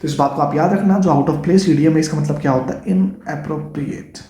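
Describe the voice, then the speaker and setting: A man's voice: fairly high pitch, a little fast, mellow, reverberant. A man with an Indian English accent teaching an online exam-prep lesson, chatty and coaxing, calling his students guys and dear children.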